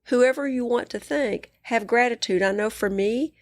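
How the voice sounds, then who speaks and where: Creaky-voiced West Texas woman, earnest. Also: a little high, normal speed, no room sound. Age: middle-aged. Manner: earnest, encouraging, emphatic. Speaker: psychiatrist and coach interviewed as guest. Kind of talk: conversational interview.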